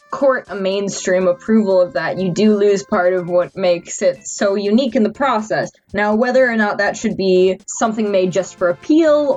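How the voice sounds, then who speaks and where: A woman's voice: medium pitch, a little mellow, dull audio. A drunk woman giving a casual, rambling review from notes, stumbling over her words with mock-earnest seriousness. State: tipsy, drunk. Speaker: amateur movie reviewer.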